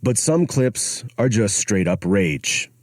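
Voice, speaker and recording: A man hosting and narrating a documentary podcast in a grave, measured tone, recorded on a studio mic. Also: lowish voice, expressive, dry recording.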